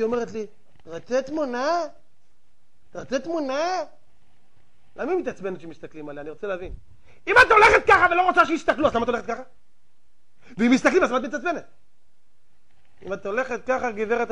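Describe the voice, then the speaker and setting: Man preaching hard, really high voice, loud bursts then quiet bits, tons of rhetorical questions. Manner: emphatic, rhetorical questions, swings between loud outbursts and quiet asides. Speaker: rabbi. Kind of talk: fiery moralizing sermon.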